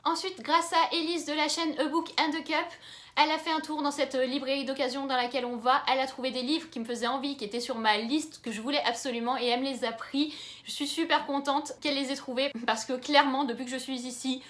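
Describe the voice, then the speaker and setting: A woman's voice: high voice, fairly bright tone. A young woman from France chatting enthusiastically in a casual book haul vlog. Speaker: book YouTuber.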